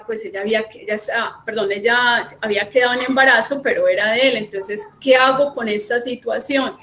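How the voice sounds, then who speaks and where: A woman's voice: a little high, a bit bright, echoey room, a little hiss or hum. A woman teaching a class on faith, retelling stories with quoted voices and often checking in with the listener.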